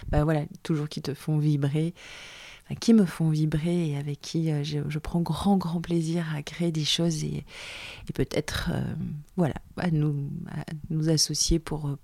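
Low, mellow-voiced French woman podcaster. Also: level tone, normal speed, gravelly, no room sound. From France. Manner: chatty, reflective, many fillers and restarts. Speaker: podcast host, training business owner. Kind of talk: casual solo podcast talk.

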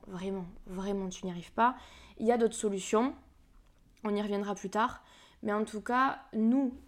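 A woman in her twenties hosting her own podcast as an energy healer, talking casually and chattily to her listener, with fillers and self-mocking asides. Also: medium pitch. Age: 20s. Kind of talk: casual solo podcast talk.

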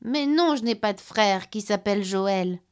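A woman voicing a frail, gentle, very old man who is hard of hearing and speaks slowly and politely. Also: mid-range voice, lively intonation, clear, resonant tone, close to an everyday voice.

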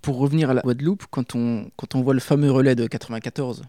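A man interviewing a former athlete, asking measured questions. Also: mid-range voice, steady tone, warm tone, no echo, clean studio sound.

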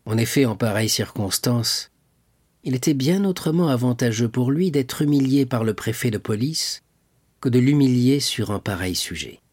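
A man narrates an audiobook in a steady, measured way. His voice is husky, and the recording is close and dry. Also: mid-range voice, dry recording. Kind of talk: scripted narration.

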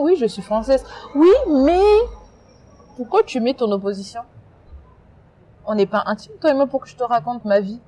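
A woman from France being interviewed, talking in an emphatic, animated way with many restarts. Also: a little high. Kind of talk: casual interview.

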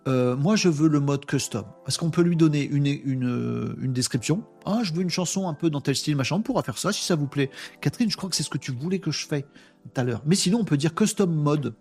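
A man hosts a live stream, chatting casually with a fairly high, slightly mellow voice, lively intonation and a fairly quick pace. He jokes and thinks aloud with many fillers while working at his computer, soft music playing behind.

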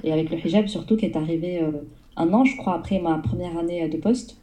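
A woman's voice: lowish voice, fast, mellow, a little hiss or hum, poor audio. A woman from southern France, a guest in a casual interview, telling her story with frequent hesitations. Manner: hesitant, many fillers, storytelling. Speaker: guest entrepreneur.

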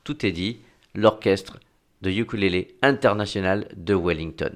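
A man's voice: low-pitched, normal speed. A man presenting a music band on a radio show, talking casually with many fillers and restarts. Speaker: regular music show contributor.

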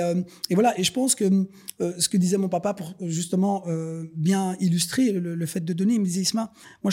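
High-set and mellow with a breathy edge, this man's voice belongs to a Belgian business owner guesting on a podcast. His earnest, long-winded storytelling in the relaxed conversation turns preachy, and he addresses his audience as "les gars."

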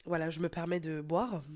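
A woman's voice: low voice, darkish tone, no echo. A young woman hosting a casual advice podcast, blunt and playful, swearing freely and talking straight to the listener, a little sick, on a headset mic. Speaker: podcast host.

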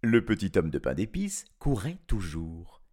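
A man telling a children's storybook tale with a playful, lively manner. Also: sits low, measured pace. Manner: lively, playful, laughing asides. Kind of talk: storybook reading.

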